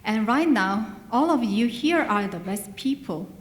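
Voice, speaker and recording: Speaking unhurriedly in a slightly high voice with lively intonation, a woman gives a sincere graduation address in a large hall. English isn't her first language, and a few small grammar mistakes slip in. The recording echoes with long hall reverb.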